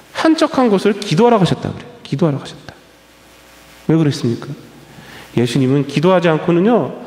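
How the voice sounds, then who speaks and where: Man, pastor, preaching, high animated pitch, rhetorical questions, echoey church. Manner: emphatic preaching with rhetorical questions and repeated phrases. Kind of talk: sermon. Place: church sanctuary.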